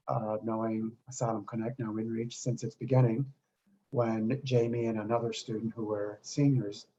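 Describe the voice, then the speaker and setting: A middle-aged man, a law professor, introducing himself on a video call with a steady delivery. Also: lowish voice. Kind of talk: casual self-introduction. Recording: dull lo-fi call audio, faint room hum.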